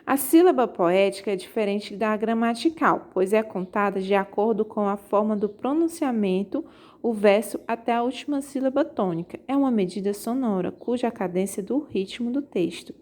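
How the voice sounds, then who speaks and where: In a remote class, a woman teaches her students a poetry lesson, explaining slowly step by step and often checking in with "tá certo?". She also reads verses aloud slowly. Her voice is mid-range with a darkish tone.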